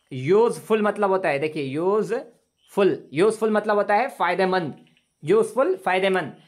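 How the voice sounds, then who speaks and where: A male English teacher giving an online lesson over a video call, patiently explaining grammar rules and repeating words slowly for his students. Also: high voice. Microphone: computer mic on a video call.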